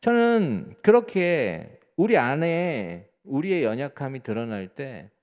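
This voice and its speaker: A man's voice: sing-song, slow pace, big-room sound, lo-fi sound. A man preaching a sermon as pastor, speaking earnestly to the congregation and repeating words for emphasis. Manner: earnest preaching with rising emphatic peaks and soft low endings; addresses the congregation directly, often repeating words.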